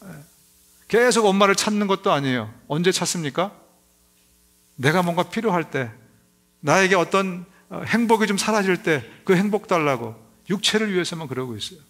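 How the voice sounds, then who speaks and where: A middle-aged man preaching a sermon in a notably high voice. He speaks with emphatic, rising force and raises his voice further when he acts out crying babies. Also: animated, a little fast, fairly bright tone. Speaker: pastor.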